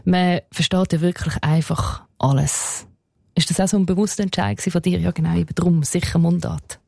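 A woman's voice: on the low side, steady tone, fairly quick, creaky, darkish tone, no echo, clean studio sound. A woman with a Swiss German accent hosting a radio interview, asking conversational questions in dialect. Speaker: radio host.

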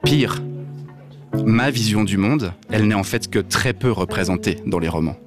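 A Swiss radio columnist with a somewhat low voice at normal speed, close to his everyday register, plays a deaf man who dislikes reading novels. Over music, he delivers a blunt, scripted monologue in an earnest mood, addressing listeners directly and mildly provocatively.

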